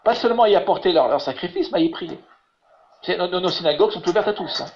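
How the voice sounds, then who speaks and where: Man, Hebrew teacher, online lesson, halting, repetitive, slightly raised pitch, muffled lo-fi call audio. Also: animated. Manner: halting, repeats words and fills with "voilà". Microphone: video call.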